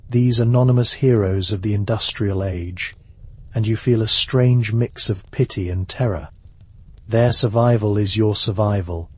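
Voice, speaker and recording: A man narrates a slow sleep story in a low, husky murmur. Each phrase comes unhurried and soft, with long pauses. The sound is close and dry, with no room around it. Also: no room sound. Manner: slow, soft, measured second-person storytelling.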